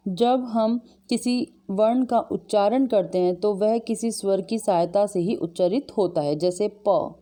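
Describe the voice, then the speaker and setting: A woman teaching an exam-prep Hindi grammar lesson, asking and answering her own questions step by step and drawing out letter sounds slowly. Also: medium pitch, dark tone. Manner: often adds "ठीक है" and "है ना" as check-ins; drags out letters slowly when demonstrating sounds.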